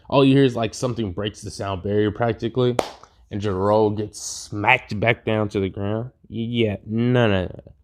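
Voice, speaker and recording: A man's voice: fairly low pitch, fairly even intonation, moderate pace, noisy background. A young man casually improvising a fan story, rambling and laid-back with some profanity.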